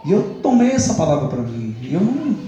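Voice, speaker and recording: A man's voice: on the high side, big pitch swings, fast talker, lo-fi sound, a loud crowd. A young man with a Brazilian accent giving a testimony in a church service, telling his story in a chatty way and acting out the dialogue. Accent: Brazilian Portuguese. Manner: chatty storytelling, acts out the dialogue, laughs often. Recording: echoey church hall.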